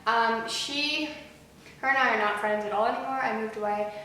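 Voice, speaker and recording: A woman's voice: fairly high pitch, moderate pace, sharp tone. A young woman, embarrassed and self-conscious as she reads aloud and chats casually, breaking off into informal asides. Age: young adult. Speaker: vlogger reading her old diary. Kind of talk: casual chat with reading aloud. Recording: very echoey room, distant mic, faint noise.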